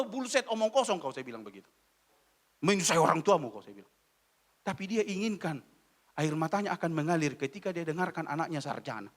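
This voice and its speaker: Male evangelist from Indonesia, high lively voice, blunt scolding sermon full of anecdotes. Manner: blunt, scolding, animated storytelling with quoted dialogue. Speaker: evangelist preacher. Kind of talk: sermon with storytelling. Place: church.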